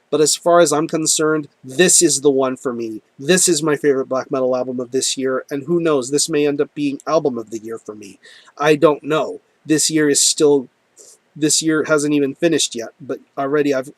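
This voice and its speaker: A man's voice: a little high, dry recording. A man reviewing an album in a casual, enthusiastic monologue, full of ums and repeated words. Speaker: music reviewer.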